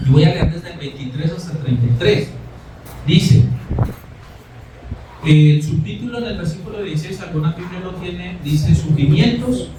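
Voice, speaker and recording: A man's voice: sits high, lively intonation, moderate pace, mellow, a little hiss or hum. A man preaching a sermon, telling a personal story in a conversational way and often asking "¿cierto?". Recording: echoey room, mic far off.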